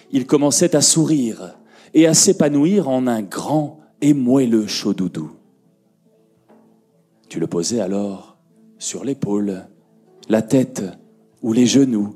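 A man telling a fairy tale to a conference audience, slow and expressive, dropping his voice and lifting it for effect. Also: medium pitch, slightly rough. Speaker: storyteller. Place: conference room.

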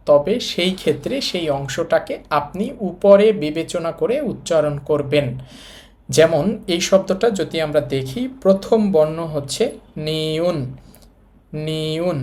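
A man's voice: fairly high pitch, darkish tone. Patient Bangladeshi Bengali man teaching. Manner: patient, repetitive, addresses viewers directly. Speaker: Korean language teacher. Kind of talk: step-by-step lesson explanation.

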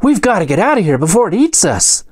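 A jumpy little halfling, put on by a man, whose voice jumps up high and cracks into shrill alarm. He sounds timid and scared, and his pitch swings wildly as the panic rises. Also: sing-song, brisk, darkish tone, breathy edge, full character voice. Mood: panicked. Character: frightened male halfling companion, timid and jumpy.

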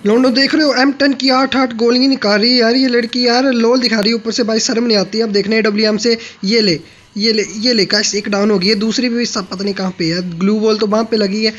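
A young man commentating his own shooter gameplay, excitable and teasing, shouting at sudden kills and muttering smugly in between. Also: sits high, brisk, highs cut off. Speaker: gaming YouTuber.

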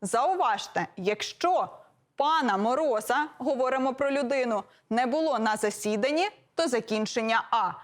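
A woman with a fairly high voice presents a grammar lesson from a script. She moves steadily through lists of example words, one after another, in a measured teaching manner. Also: expressive. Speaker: philologist presenter. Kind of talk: scripted educational explanation.

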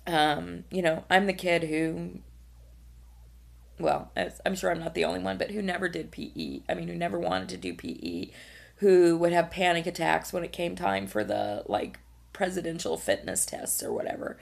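Low, very creaky middle-aged woman. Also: animated, moderate pace. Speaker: vlogger. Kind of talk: casual vlog chat. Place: small hotel room, indoors.

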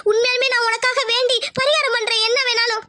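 Woman doing high squeaky cartoon wife, fast and pleading, tearful the whole time. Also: fairly even intonation, bright, forceful tone. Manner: pleading, tearful, rustic Tamil speech. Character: anxious, devoted young wife of an injured man.

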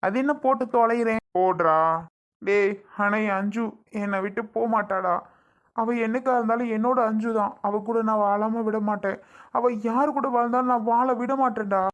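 A woman's voice: a little high, normal speed, close to an everyday voice. A woman playing a desperate young man who is tied up and begs to be freed, in quarrelsome slangy speech. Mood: defiant. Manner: pleading and quarrelsome, rough slangy talk. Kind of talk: family skit acting.

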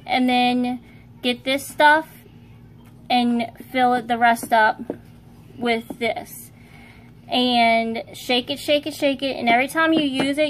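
Filming on her phone in her own kitchen, a home video maker walks through a loose, meandering demonstration, often stopping to fix what she just said. Her voice sits high and chatty, with a little noise in the background.

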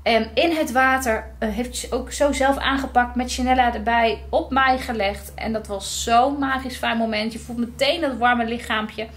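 Lively woman telling a personal story. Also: fairly high pitch, normal speed, hardly any pauses. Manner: lively, recounting with acted-out quotes. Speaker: vlogger.

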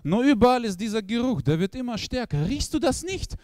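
A man voicing a dim, stoned teenage boy who is anxious and earnest and speaks in a slow, low, mumbled deadpan. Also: long reverb tail. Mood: dopey deadpan.

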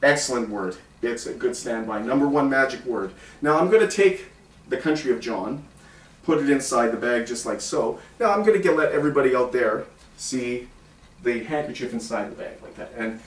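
A man's voice: mid-range voice, expressive, moderate pace. Theatrical magician, middle-aged man, roomy distant sound. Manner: theatrical magician's showmanship, instructing and playfully bantering. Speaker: stage magician, performer. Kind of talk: theatrical magic show patter to an audience. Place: indoor room with small stage setup. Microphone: far camera. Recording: roomy, distant camera mic with background noise.

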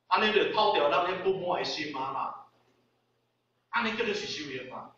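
A man's voice: on the high side, expressive, moderate pace, pushed and bright, slight background noise. A middle-aged man with a Taiwanese accent giving a dharma class lecture in a Buddhist hall. He keeps asking rhetorical questions and acts out the people in his stories. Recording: very echoey hall, far from mic, dull.

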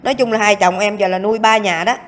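A woman's voice: medium pitch, steady tone, quick pace, fairly bright tone. A woman being interviewed about her family, speaking in an indignant, insistent way. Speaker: interviewee, wife. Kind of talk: casual interview talk.

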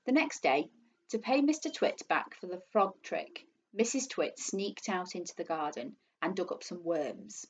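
Woman teacher, reading a storybook aloud, expressive, animated pitch, slightly husky. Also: measured pace. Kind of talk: reading a children's book aloud.

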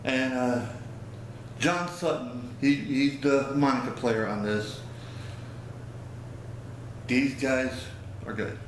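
A gray-bearded vlogger with a medium-pitched voice talks slowly through a casual product review, rambling, folksy, and prone to losing his words. He sits in a small room against a plain wall, close to his webcam. The recording is very echoey with a faint hiss.

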